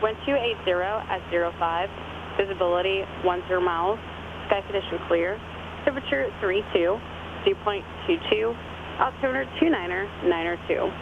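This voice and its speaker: A voice reading a recorded airport weather broadcast in a flat, steady recitation of numbers, heard over an aircraft radio. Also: medium pitch, normal speed. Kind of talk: recorded weather and runway information readout. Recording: narrow radio band with clear cockpit noise.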